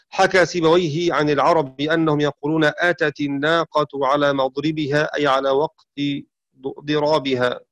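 A man teaching the variant readings of the Quran, explaining rules and slowly sounding out words to demonstrate pronunciation. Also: fairly high pitch, fairly bright tone, no echo. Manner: explanatory, slows down to sound out words, self-correcting. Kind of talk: religious lesson on recitation variants.

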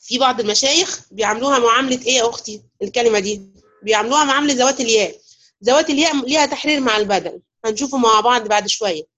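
A woman with an Egyptian Arabic accent teaches recitation rules at a brisk clip, her voice a little high. She keeps turning to her students with questions and waits for them to answer. The audio is dull and lo-fi. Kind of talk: online lesson on recitation rules.

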